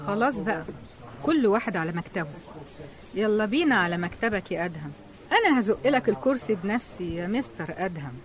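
A woman's voice: medium pitch, quick pace, close to an everyday voice. Dahab, a woman playing a cunning Egyptian schemer. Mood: coy, teasing. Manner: calm, taunting, in control. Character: cunning young woman revealing her revenge plot. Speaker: office colleague. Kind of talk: radio drama acting.

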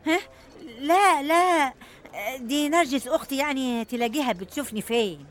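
Actress as a high-voiced, pleading village woman. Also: normal speed, close to an everyday voice. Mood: nervous pleading. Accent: rural Egyptian. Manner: pleading, lamenting. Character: anxious, deferential village woman reporting to police. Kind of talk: radio drama acting.

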